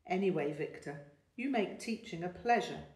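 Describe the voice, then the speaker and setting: A woman's voice: lowish voice, expressive, close to an everyday voice. A woman reading the part of a patient older man who teaches music, explaining carefully and encouraging his young pupil. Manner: measured, explanatory, gently encouraging. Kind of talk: audiobook character voice. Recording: roomy, distant mic.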